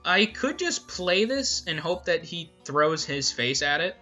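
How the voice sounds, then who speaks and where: A woman's voice: on the low side, big pitch swings, unhurried, pushed and bright. A woman doing casual game commentary, playfully thinking aloud as she plays. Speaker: gaming host. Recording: faint game music behind.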